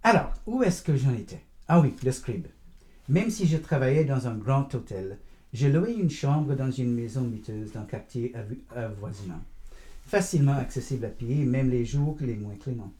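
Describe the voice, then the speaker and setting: Man reading as an old grandfather, very dark mellow voice, rambling and wry storyteller, audiobook narration. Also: medium pitch, expressive, moderate pace, close to an everyday voice. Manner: meandering, digressive, gently teasing. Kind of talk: first-person audiobook narration.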